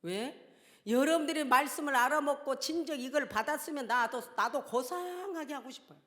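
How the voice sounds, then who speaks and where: A pastor delivering a sermon, dropping to hushed near-whispers and then rising to fervent shouts, calling out hallelujah and questions to the congregation. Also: sits high, normal speed. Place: church sanctuary. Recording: long reverb of a large hall.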